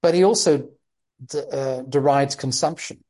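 A woman conducts an intellectual interview in a low-pitched, dark and relaxed voice. She is measured and discursive, choosing formal words and adding qualifications as she goes. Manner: measured, discursive, formal vocabulary with hedging asides.

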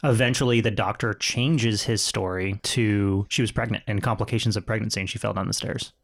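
A man's voice: fairly low pitch, steady tone, fairly quick, gravelly. A man co-hosting a podcast, reading a story and chatting between parts in a rambling, self-correcting way. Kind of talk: casual chat and story reading.

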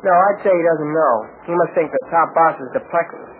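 Eager boy sidekick played by a man, high-pitched, 1940s radio drama, crackly and thin. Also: fairly quick, close to an everyday voice. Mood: eager, wary. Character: eager, boyish young male adventurer and sidekick. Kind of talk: 1940s radio serial acting. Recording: noisy, tinny old radio recording.

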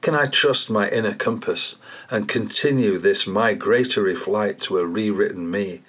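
A man hosting a poetry podcast, reading and reflecting on poems in a measured, contemplative way. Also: on the low side, fairly bright tone, husky. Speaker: poet and podcast host.

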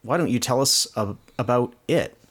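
A man's voice: medium pitch, expressive, normal speed, fairly bright tone. A man from Canada co-hosting a podcast, chatting casually with a hesitant, dry-humored manner. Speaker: podcast co-host.

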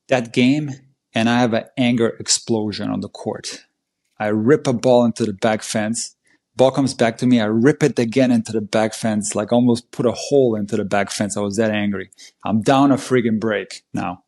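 A man, a tennis coach and podcast guest, tells a match story in an animated, emphatic way. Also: mid-range voice. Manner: animated, emphatic play-by-play retelling. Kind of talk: conversational storytelling.

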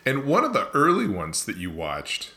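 A man's voice: fairly low pitch, huge pitch swings, moderate pace, bright, forceful tone. A man in casual conversation who tells stories and asks questions. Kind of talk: casual chat.

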